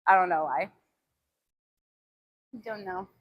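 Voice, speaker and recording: A woman's voice: on the low side, slow pace, dull audio. A young woman from the United States chatting casually with her live-stream viewers about training and diet, rambling with lots of fillers. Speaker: fitness streamer.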